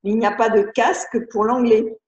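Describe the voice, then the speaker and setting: French woman educator, slightly high, mellow, hesitant, on a muffled echoey video call. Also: fairly even intonation, moderate pace. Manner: hesitant, many restarts and fillers, chatty. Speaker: educator hosting a webinar. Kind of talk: live video-conference talk, reading viewer questions. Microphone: computer mic on video call.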